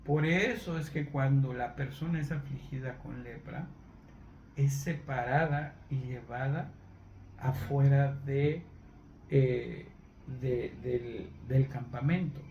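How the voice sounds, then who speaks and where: A man teaching from the Bible, unhurried, often checking in with his listeners and spelling words out letter by letter. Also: medium pitch, a little mellow, highs cut off. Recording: roomy echo, faint background noise.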